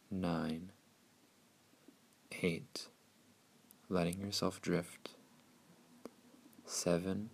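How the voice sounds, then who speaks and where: A man with a deep voice and vocal fry narrates a scripted guided meditation, keeping it soothing, hushed and unhurried with long pauses.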